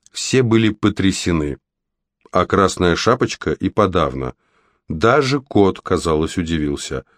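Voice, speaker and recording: A man narrating a children's fantasy audiobook in a lively storytelling manner. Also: deep voice, no room sound, studio quality.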